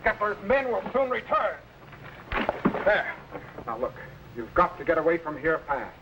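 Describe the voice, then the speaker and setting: An actor playing an authoritative, heroic time-traveling captain and mentor in an old-time children's science fiction serial. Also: male voice, fairly high pitch, big pitch swings, a little slow. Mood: urgent, commanding. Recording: slightly noisy vintage serial recording.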